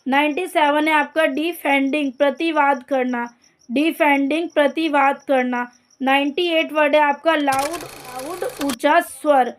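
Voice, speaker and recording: High-voiced woman teaching word lists. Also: fairly even intonation. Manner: repeats each word and its meaning slowly, addresses students directly. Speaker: English teacher. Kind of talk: vocabulary lesson, reading word lists.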